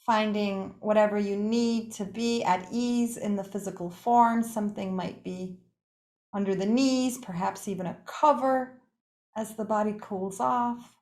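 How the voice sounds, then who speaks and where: A woman leads a yoga nidra guided meditation, speaking in short phrases separated by pauses with an unhurried, gently inviting manner. Her pitch sits in the middle and her tone stays steady. The recording has an echoey, roomy sound.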